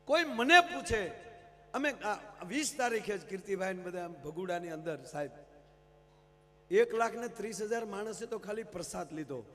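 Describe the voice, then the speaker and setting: A man telling humorous stories to a big live audience, acting out quick exchanges between characters. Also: high voice, big-room sound. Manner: lively storyteller, quick character exchanges, addresses audience as sir. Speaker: folk comedian on stage. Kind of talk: live stage humor storytelling. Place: large stage event.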